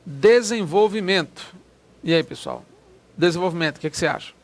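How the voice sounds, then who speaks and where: A man explaining exam grammar questions, stretching key words and checking in with listeners often. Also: high voice. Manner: explanatory, drawn-out stressed words, frequent "né?" checks. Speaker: Portuguese grammar teacher. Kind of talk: exam-prep lecture walking through test questions.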